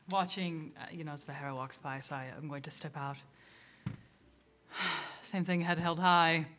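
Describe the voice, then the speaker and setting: A woman's voice: sits low, fairly even intonation, measured pace, fairly bright tone. A woman playing a tabletop game, casually describing her character's actions with some hesitation. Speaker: player.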